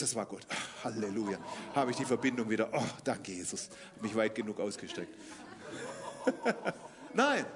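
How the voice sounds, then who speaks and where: A man preaching a sermon in German, lively and often laughing, rising to emphatic declarations as he quotes scripture. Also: on the high side.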